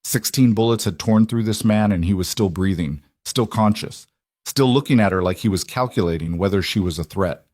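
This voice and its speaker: A male narrator reads a dramatic audiobook in a lowish voice, measured and deliberate. The recording is dry and close, with no room sound at all. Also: a little mellow, no room sound.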